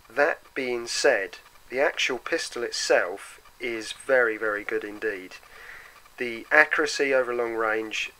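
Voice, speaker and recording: A man with a gravelly, cold-roughened voice and sore throat talks through a product in an informal way. His tone is bright and forward at a middling pitch. He explains casually, leaning on repeated words for emphasis. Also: slight background noise, poor audio. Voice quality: gravelly, deeper than usual from a cold. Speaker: product reviewer for an airsoft custom shop. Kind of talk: casual hands-on product review.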